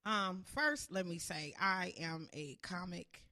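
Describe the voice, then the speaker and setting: Animated woman in her forties. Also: fairly low pitch, takes it slowly. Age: 40s. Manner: animated storyteller, slangy, breaks into loud acted-out bits and laughter. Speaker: comic and jail reentry case manager. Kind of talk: casual podcast chat.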